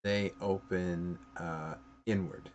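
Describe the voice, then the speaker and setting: A man running a tabletop game as game master, measured, with pauses and fillers. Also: low voice, steady tone, highs cut off, a little hiss or hum. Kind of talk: tabletop game play over a stream.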